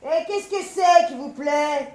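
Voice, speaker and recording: A man voicing a coarse, loud young maid with shrieking laughter and a brash, mocking manner. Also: extremely high pitch, reverberant, voice pushed up. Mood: coy mocking. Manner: brash, mocking, quick to scold.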